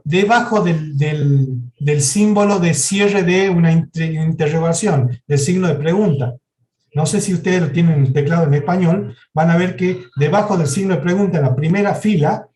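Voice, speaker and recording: A high-pitched man with a warm tone demos software during a live university programming lecture. He works through each step and often checks in with the students, and the classroom recording is echoey.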